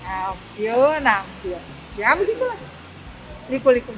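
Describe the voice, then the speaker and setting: Animated older woman telling a story. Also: on the high side, slow pace, loud music behind the voice. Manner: animated, acts out both sides of dialogues. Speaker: online taxi driver, guest. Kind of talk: casual storytelling interview.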